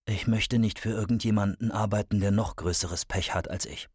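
A man voicing a guarded, deadpan young ex-convict in an audiobook, speaking low and subdued. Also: normal speed, husky, no room sound, clean studio sound. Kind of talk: audiobook character voice.

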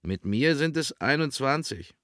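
A man's voice: medium pitch, expressive, a little slow, a bit bright, dry recording, clean studio sound, voice pushed up. A man voicing a grumbling, complaining boatman.

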